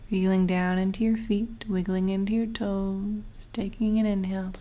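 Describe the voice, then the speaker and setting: A woman guiding a breathing meditation as a coach, soothing and unhurried, with long pauses and a breathy voice that often trails toward a whisper. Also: mid-range voice, flat delivery, warm tone.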